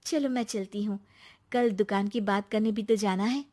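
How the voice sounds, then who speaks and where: A woman's voice: mid-range voice, normal speed, warm tone, natural voice. A woman voicing a cheerful, chatty young daughter-in-law in a cartoon.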